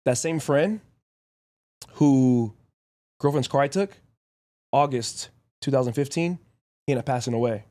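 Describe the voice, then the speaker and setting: Speaking at a medium pitch with a dark tone, a young podcast host rattles off a casual story. His anecdotes come quickly in short, blunt clauses laced with profanity.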